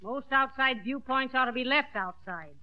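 An actress playing a long-suffering wife with dry screwball retorts, in 1940s radio comedy style. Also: female voice, high voice, normal speed, lightly acted. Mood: dry, scolding. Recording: dull vintage radio recording.

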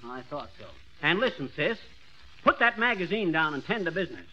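Bright, brash screwball schemer. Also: male voice, fairly high pitch, big pitch swings, a little fast, heavily acted. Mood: cocky, bossy. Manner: screwball comedy banter, cocky and wisecracking. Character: brash, pushy husband full of crackpot schemes. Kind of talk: 1940s radio comedy acting. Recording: dull vintage radio recording.

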